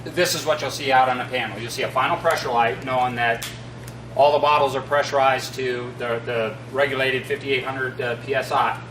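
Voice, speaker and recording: A man's voice: medium pitch, fairly even intonation. Echoey, distant middle-aged male trainer. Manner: halting, matter-of-fact explanation. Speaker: fire district equipment trainer. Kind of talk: informal instructional demonstration. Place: concrete-floored equipment room, indoors. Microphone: distant camera across the room. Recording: echoey, noisy, distant camera sound.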